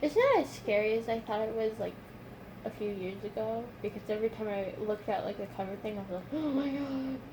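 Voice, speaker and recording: A woman's voice: medium pitch, expressive, fast talker, noisy background. A young adult woman chatting casually and retelling moments dramatically, acting out what people said. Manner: dramatic retelling with quoted dialogue. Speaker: patient recovering from wisdom tooth extraction. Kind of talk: casual chat.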